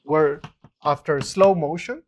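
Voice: mid-range voice, takes it slowly. A physics lecturer giving a university lecture, explaining step by step with frequent restarts and fillers. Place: lecture room.

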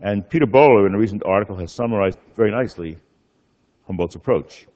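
An older man giving a public academic lecture in a genial, halting way. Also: lowish voice, darkish tone. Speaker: professor, guest lecturer. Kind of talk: public lecture, loosely scripted. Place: speaking at a public lecture event. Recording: slightly dull, muffled lecture recording.

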